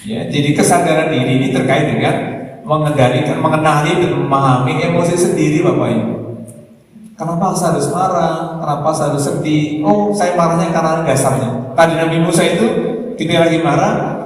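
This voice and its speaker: A man giving an animated Islamic lecture, speaking straight to the congregation. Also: on the high side, brisk. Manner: animated, addresses listeners as Pak and Bu, acts out quarrels. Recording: echoey hall, voice from far off.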